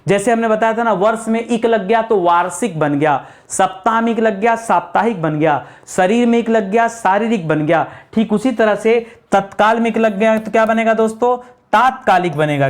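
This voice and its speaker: A male teacher leads an exam-prep grammar lesson at a whiteboard. He fires rhetorical questions at his students and answers them himself. He stretches out each corrected word slowly and lets his voice sink to close a point. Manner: spells out words slowly, drops low to close each point.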